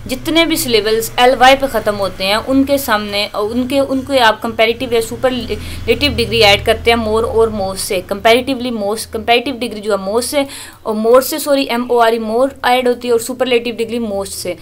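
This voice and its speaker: A woman lecturer explains English grammar in Urdu, her voice sitting a little high. She slows right down to read each English example aloud and often stops to correct herself. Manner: corrects herself mid-sentence. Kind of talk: recorded lecture.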